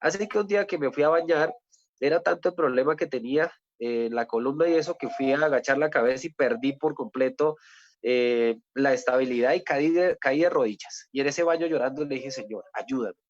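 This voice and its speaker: A man's voice: mid-range voice, a little fast, dry recording, highs cut off. Earnest Colombian man giving a testimony. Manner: earnest, with repeated rhetorical "¿sí?" and restarts. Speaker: testimony speaker.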